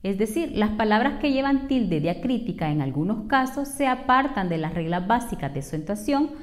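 Woman, teacher, Honduran Spanish accent, lesson narration, careful over-enunciation, mid-pitched voice. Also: lively intonation. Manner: slow, careful over-enunciation of example words.

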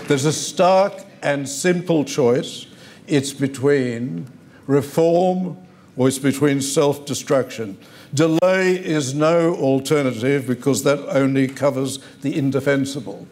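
A man's voice: mid-range voice, slow pace. Older man, emphatic formal speech. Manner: forceful, emphatic repetition. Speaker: convention speaker. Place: conference hall on stage.

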